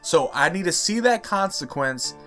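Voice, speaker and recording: A young man giving casual video-game commentary as a YouTuber. He rants with passion and gets louder and higher when he is annoyed. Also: expressive, normal speed. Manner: passionate, ranting, swings loud and high when annoyed. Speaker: gaming YouTuber. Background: faint music.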